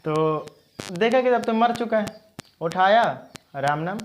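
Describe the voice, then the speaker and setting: Casting: a classroom teacher telling a folk tale, chatty and lively, medium pitch, faint hiss behind. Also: unhurried. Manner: lively, chatty, checking in with listeners.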